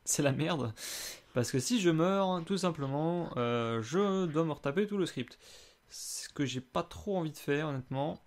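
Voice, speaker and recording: A man commenting live on his own gameplay in a casual, hesitant way, swearing and breaking into sudden exclamations. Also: on the high side. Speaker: gamer playing and commenting.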